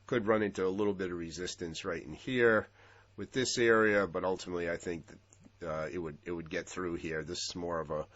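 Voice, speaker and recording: Deep-voiced stuffy man reviewing charts. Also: brisk, dull audio. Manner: relaxed, with frequent ums and uhs. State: stuffy, congested from a cold. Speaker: futures trading analyst. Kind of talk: casual market commentary over charts.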